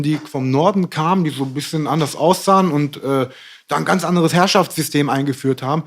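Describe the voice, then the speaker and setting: Middle-aged man, casual podcast talk, rambling, hesitant, lots of fillers. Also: fairly high pitch. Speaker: podcast guest. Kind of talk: casual discussion.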